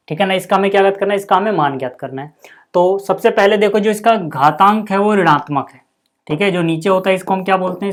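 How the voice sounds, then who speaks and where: A man teaching a school maths lesson, patient and step by step, checking in often with the class. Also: high voice.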